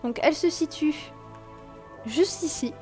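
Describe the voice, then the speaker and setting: A woman's voice: high-pitched, a little slow, mellow, faint music behind. Chatty young woman explaining a game. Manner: chatty and explanatory, many fillers, self-mocking asides. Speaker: gaming tutorial host. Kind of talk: casual screen-recorded game tutorial.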